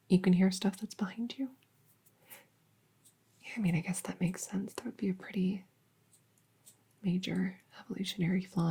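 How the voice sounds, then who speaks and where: A woman playing a shy, smitten elf neighbor in a whispered role-play, soft and breathy, stammering hesitantly as she gently cares for the listener. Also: lowish voice, heavily acted. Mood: musing, playful. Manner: hesitant, stammering, awkward rambling.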